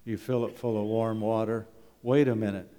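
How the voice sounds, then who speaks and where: In an echoey church hall with long reverb, a middle-aged or older man from Canada who runs a wilderness school gives a humorous, folksy public talk with slides to the congregation, often posing rhetorical questions. His voice is on the low side and dark, with little pitch movement and a moderate pace.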